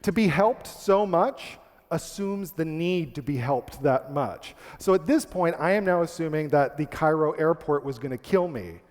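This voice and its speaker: A man's voice: a little high, lively intonation, a little slow, a little mellow. A man from Canada telling a comic, self-deprecating story on stage as a speaker. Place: large hall, on stage. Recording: long hall reverb.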